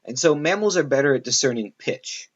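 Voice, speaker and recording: A man's voice: mid-range voice, expressive, brisk, lo-fi sound. A man giving a classroom lecture in a loose, conversational way, full of fillers and asides to his students.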